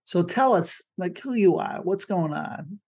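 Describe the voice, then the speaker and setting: A man's voice: high voice, animated, a little slow, a little mellow, husky. A man hosting a business podcast, upbeat and encouraging as he introduces the show and his guest. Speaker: podcast host. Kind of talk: scripted show intro and interview.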